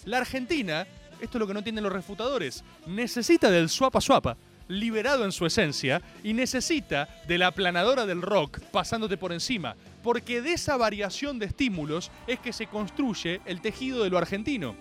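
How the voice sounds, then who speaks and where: A man's voice: high-pitched, a little fast, faint music behind. Argentine-sounding guy doing a comic monologue, jumpy melodic delivery, big theatrical bits. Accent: Rioplatense Spanish. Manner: animated, theatrical, slangy. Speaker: host.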